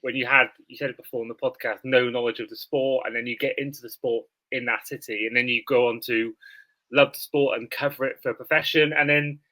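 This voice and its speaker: A man's voice: mid-range voice, steady tone, fairly quick, bright, forceful tone, low-quality recording. A man from Wales hosting a sports podcast, chatting in a friendly, easygoing way. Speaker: podcast host. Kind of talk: casual podcast chat.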